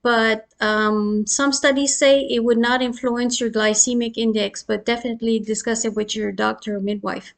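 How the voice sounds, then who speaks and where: A middle-aged woman obstetrician explains things casually to the camera. Her voice sits a little high, and her delivery stays loose and conversational. She leans on fillers and laughs lightly between points. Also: fairly even intonation, normal speed, creaky, few pauses.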